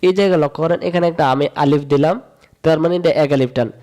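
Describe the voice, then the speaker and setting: A man leads a patient reading lesson, his voice sitting a little high. He repeats each rule in a sing-song chant and stretches the syllables out slowly so learners can follow. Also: darkish tone. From Bangladesh. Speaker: Quran reading teacher. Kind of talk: step-by-step recitation lesson.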